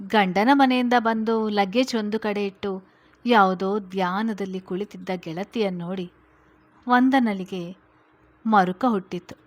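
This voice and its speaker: A woman reading a serial story aloud in a steady, even manner. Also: medium pitch, a little slow.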